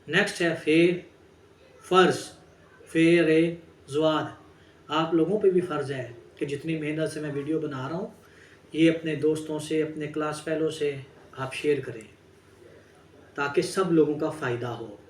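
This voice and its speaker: Slow, careful male Braille teacher. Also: a little high, slight background noise. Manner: spells each word letter by letter, addresses students directly. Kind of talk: slow spelled-out lesson. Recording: echoey room, distant mic.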